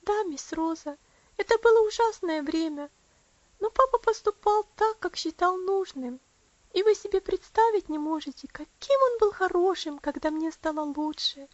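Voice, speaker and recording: An earnest little girl pours out her feelings in a high, eager voice, as a woman reader puts her on. She sounds devoted and tender. The recording is dull, dry and lo-fi. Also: moderate pace, no echo. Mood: eager, heartfelt. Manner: eager, heartfelt. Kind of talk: audiobook character voice.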